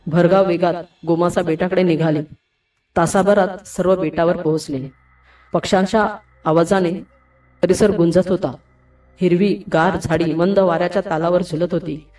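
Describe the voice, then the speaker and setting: A woman's voice: fairly low pitch, steady tone, normal speed, pauses often, darkish tone. A woman tells a scripted horror story in a mid-range voice and keeps her own tone for every character's line. She sits some distance from the mic in an echoey room. Faint background music plays under her. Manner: reads all characters' dialogue in the same narrating voice.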